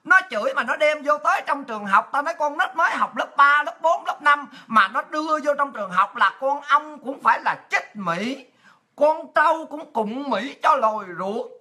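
A woman's voice: high voice, animated, moderate pace, bright, forceful tone. A woman, delivering a blunt, scolding political monologue full of exclamations and coarse slang. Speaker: political commentary host. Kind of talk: impassioned monologue.

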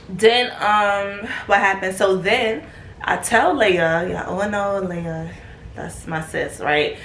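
A woman's voice: medium pitch, roomy sound, slight background noise. A young woman telling a casual, profane storytime about her pregnancy to her viewers. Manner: slangy, profane, animated, breaks into laughter. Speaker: vlogger.

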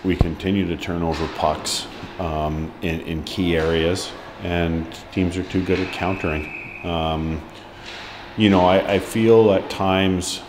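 After a match, a hockey head coach in his forties speaks at a post-match press interview in an indoor press room, standing before a sponsor board. His very low voice comes in halting bursts, full of ums, restarts and candid remarks, while a constant hum of press-room noise runs beneath the recording.

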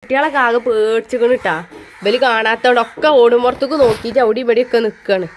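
A woman in her thirties talks to her viewers in a high, easy voice. She keeps up a chatty stream of remarks and tags each one with a soft aside, as in a casual family vlog. A faint hiss sits under the recording. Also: steady tone, quick pace. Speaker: family vlogger.

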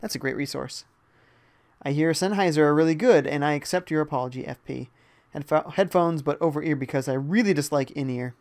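A young man talks casually while live-streaming a game, his voice sitting a little higher than most men's. He reads viewer messages aloud one after another and answers them in a loose, chatty way between bits of gameplay. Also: a little fast, gravelly, darkish tone. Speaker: gaming streamer. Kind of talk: casual live-stream commentary reading chat.

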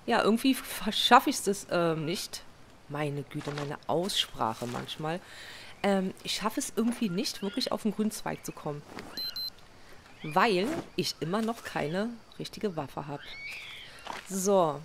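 Speaking low but animated at a measured pace, a gaming video host gives casual let's play commentary as she plays and crafts in a survival game. She chats to herself, often making fun of herself, with background noise audible.

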